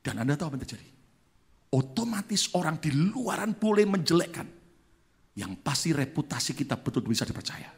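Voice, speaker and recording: A husky, somewhat high-pitched man speaks a little fast as he preaches a sermon in church. He's a lively storyteller who performs the parts of the people in his tale.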